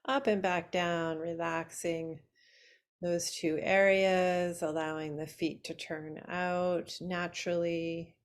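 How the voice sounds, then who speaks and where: Guiding a relaxation meditation as a yoga nidra teacher, this woman's fairly low, smooth voice stays flat. She takes her time, soothing and unhurried, leaving long pauses after each short phrase.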